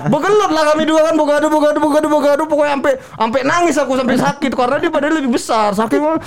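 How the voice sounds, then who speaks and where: A man's voice: very high-pitched, rapid-fire, crowd noise. A young man telling stories in casual chat, acting out what people said and laughing often. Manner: animated, acts out quotes, laughs often.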